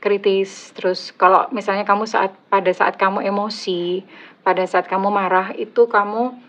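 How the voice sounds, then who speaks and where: A woman with an Indonesian accent and a slightly husky voice, doing a casual, chatty tarot reading for her viewers, teasing and joking as she goes. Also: mid-range voice, level tone, moderate pace. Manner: chatty, teasing, laughs at own jokes. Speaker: tarot reader. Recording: slightly dull lo-fi audio.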